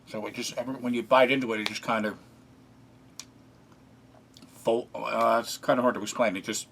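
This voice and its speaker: A man casually narrating a food taste test, relaxed and chatty, often pausing with fillers as he eats. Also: medium pitch, vocal fry, a little hiss or hum. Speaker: food reviewer.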